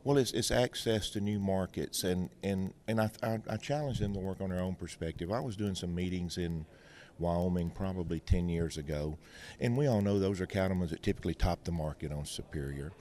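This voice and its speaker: Deep-voiced and mellow, this folksy Mississippi man speaks fairly quickly in a Mississippi Southern accent. He is a veterinarian, technical consultant, and interview guest, explaining with anecdotes and analogies.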